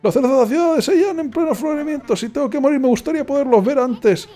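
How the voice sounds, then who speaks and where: A man voicing a frail, bedridden old grandfather in a video game, talking in a slow, wistful and formal way. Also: very high voice, warm tone, soft background music, pitched above the performer's own voice.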